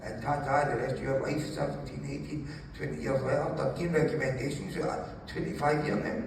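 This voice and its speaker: As an interview guest, a man tells stories in a jokey, sweary, animated way, his gravelly voice medium-pitched with fairly even intonation and a fairly quick pace. The recording comes from a very echoey room with a distant mic and faint noise.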